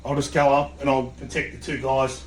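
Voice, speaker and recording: A man, a podcast guest and coach, telling an animated story in a blunt, swearing way. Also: medium pitch, brisk, soft background music. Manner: blunt, swears freely, acts out quotes. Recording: echoey room.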